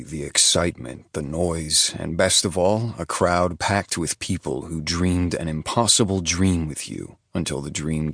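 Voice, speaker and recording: A man's voice: deep voice, vocal fry, slightly rough, no echo. A man narrating a first-person audiobook in a dry, laid-back storytelling manner.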